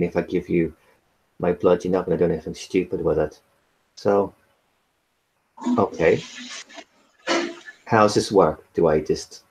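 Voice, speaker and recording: A man's voice: low-pitched, creaky, poor audio. A man role-playing his character in a tabletop game in a put-on, wavering Irish accent, blunt, sardonic and sweary. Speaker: player.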